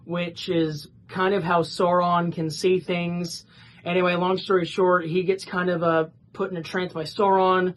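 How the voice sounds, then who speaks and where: Woman kinda rambling thru a book plot summary, lots of uhs, slightly low voice, bit of hiss. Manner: rambling, frequent fillers and restarts. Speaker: book reviewer.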